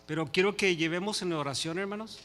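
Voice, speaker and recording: An older man preaching a sermon in Spanish and then praying, talking to the congregation with passion, swinging between loud peaks and quiet asides. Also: high-pitched, fast talker. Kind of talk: Spanish-language sermon and prayer. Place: church hall. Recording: long hall reverb with faint music.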